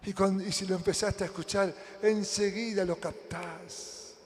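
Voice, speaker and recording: High-voiced Argentine pastor preaching in a hall. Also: male voice, steady tone, normal speed, a little hiss or hum. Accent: Argentine Spanish. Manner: swings between loud emphatic lines and hushed near-whispers, asks rhetorical questions. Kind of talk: sermon. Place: church hall. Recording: reverberant church hall.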